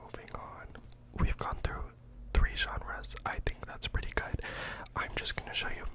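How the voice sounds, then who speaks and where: Whispered role-play: deadpan librarian recommending books, fully breathy whisper, mock-earnest, slightly hesitant. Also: unhurried. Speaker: ASMR performer playing a librarian recommending books.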